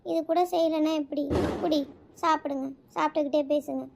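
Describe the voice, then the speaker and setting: A woman's voice: high voice, steady tone, fairly quick, gravelly, background noise. A woman voicing a breezy, teasing middle-aged mother of the bride in a cartoon.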